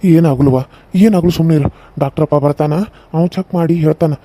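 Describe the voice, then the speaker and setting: A man's voice: fairly high pitch, steady tone, fast, warm tone. A man voicing an anxious village husband and father with a North Karnataka Kannada accent, who calls out urgently for help.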